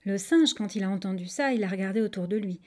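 A woman's voice: mid-range voice, fast talker. A woman narrating a children's tale expressively, speaking straight to her listeners. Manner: expressive, addresses listeners directly. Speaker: storyteller.

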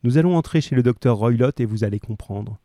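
Sharp, urgent male detective, read aloud by a man, mellow and dry. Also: medium pitch, fast talker, dry recording, natural voice. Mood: grim.

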